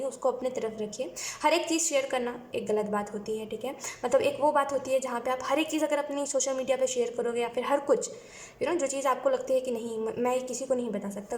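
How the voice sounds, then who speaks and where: A woman's voice: sits high, echoey room. A woman doing a weekly tarot reading, talking to viewers in a chatty, advising way and often mixing in English phrases. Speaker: tarot reader.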